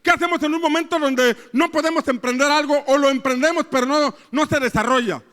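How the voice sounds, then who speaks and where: A man's voice: very high voice, fairly quick, fairly bright tone. A man preaching a sermon as pastor, repeating rhetorical questions and acting out the voices in the story.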